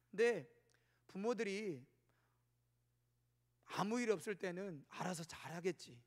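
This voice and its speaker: Male pastor, forties, lively sermon storyteller, high-pitched, long church reverb. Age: 40s. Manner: animated storytelling with sudden shouts and whispers. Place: church sanctuary.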